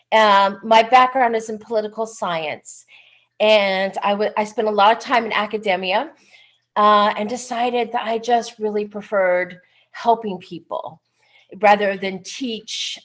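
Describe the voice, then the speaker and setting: A woman who is a psychic medium giving a webinar talk over a video call, chatty with lots of "um"s. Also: medium pitch. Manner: unhurried, chatty, frequent "um"s, warm enthusiasm. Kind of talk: webinar presentation. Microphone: computer mic on a video call.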